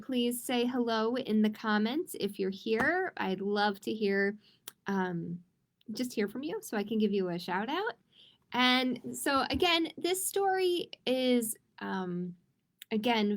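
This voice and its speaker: This children's librarian hosts storytime with a voice on the high side. She reads picture books with plenty of expression, taking her time and addressing the kids straight on.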